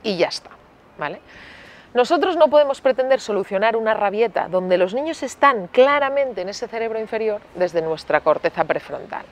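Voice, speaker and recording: A woman pediatrician explaining parenting in an interview, lively and acting out parent and child exchanges, often checking in with "¿vale?". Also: fairly high pitch, moderate pace. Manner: lively, acts out parent and child dialogue in storytelling; uses many filler tags like "¿vale?".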